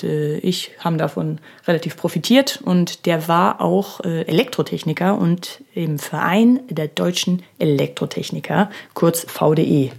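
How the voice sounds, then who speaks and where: A woman's voice: on the low side, vocal fry, a little mellow. A woman in her thirties hosting her own podcast, talking alone in a chatty, self-ironic way with many filler sounds. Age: 30s. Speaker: podcast host. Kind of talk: casual solo podcast monologue. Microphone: studio microphone.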